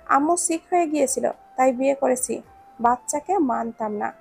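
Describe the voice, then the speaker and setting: A woman's voice: high-pitched, moderate pace, gravelly, darkish tone, breathy edge, soft background music, full character voice. A woman reading the part of a curt, cold young man. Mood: terse. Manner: curt, clipped answers.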